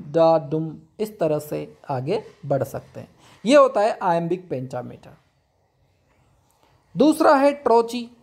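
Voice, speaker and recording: A man teaching English poetry, explaining step by step and reading definitions slowly. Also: sits high, darkish tone. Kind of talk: classroom lecture.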